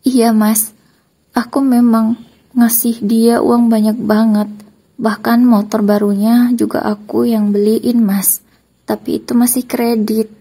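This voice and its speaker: A woman voicing a desperate young wife who begs through tears in a high, loud voice. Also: steady tone, normal speed, breathy edge. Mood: tearful.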